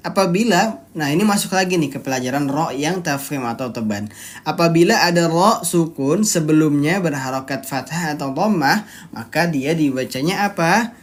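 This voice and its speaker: This medium-pitched teacher leads students through Quran recitation online, breaking down every rule in sequence, testing them with questions, and slowly stretching words to model them. Occasional throat clearing comes with an apology each time.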